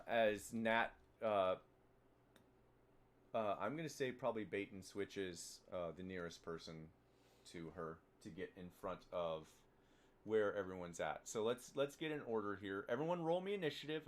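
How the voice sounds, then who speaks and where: Low-voiced man running a tabletop game. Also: animated. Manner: halting, many fillers and restarts. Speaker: dungeon master.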